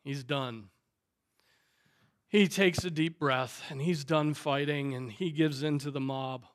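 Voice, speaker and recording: A male pastor with a Southern American accent, preaching a sermon with dramatic swings in loudness. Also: a little high, fairly even intonation, slow. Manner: dramatic, voices the crowd's shouts loudly.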